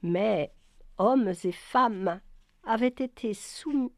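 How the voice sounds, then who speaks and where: A woman's voice: medium pitch, slow pace, dry recording. Woman narrating a novel, dry close sound. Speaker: audiobook narrator. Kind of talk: storybook narration.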